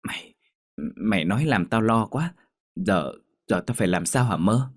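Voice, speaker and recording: A man voicing a gentle, worried young woman who speaks softly and hesitantly. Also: lowish voice, expressive, a little fast. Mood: anxious. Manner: soft, hesitant, stammering.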